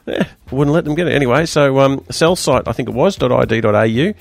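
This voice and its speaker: An Australian man with a croaky, hoarse voice hosting a radio show in a casual, chatty, joking way. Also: mid-range voice, fast talker. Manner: chatty, loose, jokey banter. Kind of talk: casual panel-show presenting.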